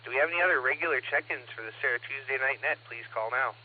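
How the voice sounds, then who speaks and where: Net control operator, steady and methodical, mid-pitched man's voice, narrow radio-band sound over a two-way transmission. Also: fast talker, a little hiss or hum. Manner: steady, methodical, reads back call signs. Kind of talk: amateur radio net check-ins. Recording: narrow, phone-like radio audio.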